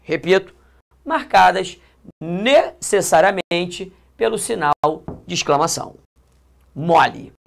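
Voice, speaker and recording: A woman's voice: medium pitch, creaky. A woman with a Brazilian accent teaching grammar in a video lesson, emphatic, repeating key points and dropping colloquial asides. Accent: Brazilian Portuguese. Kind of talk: classroom-style video lesson.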